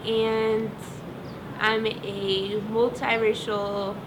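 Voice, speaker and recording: A twenty-two-year-old woman answering documentary interview questions in a slow, shy way. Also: fairly high pitch, level tone, noisy background. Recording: far from mic with music.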